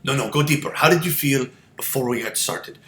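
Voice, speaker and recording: A man's voice: mid-range voice, fairly quick, a bit bright, a little hiss or hum, voice pushed up, lightly acted. A man voicing an eager male German professor with a put-on German accent, pressing his subject with repeated questions. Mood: insistent.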